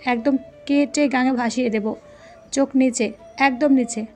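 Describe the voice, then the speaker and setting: An angry, jealous young husband, as a woman storyteller puts him on barks short threats in a fairly high voice. Faint music drifts underneath the narration. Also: steady tone, unhurried, a little mellow. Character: hot-tempered jealous young husband, man.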